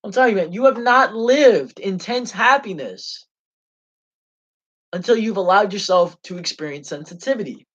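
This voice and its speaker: On dull, lo-fi stream audio, a young livestream host rants without a script, heated and profane. His high-sitting voice is animated and a bit bright, moving at a moderate pace.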